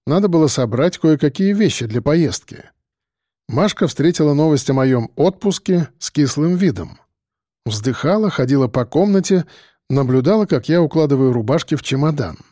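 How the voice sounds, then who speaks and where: A man reading a first-person story aloud in an expressive, wry way. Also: on the high side, moderate pace, no room sound, studio quality. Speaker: audiobook narrator. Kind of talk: first-person scripted narration.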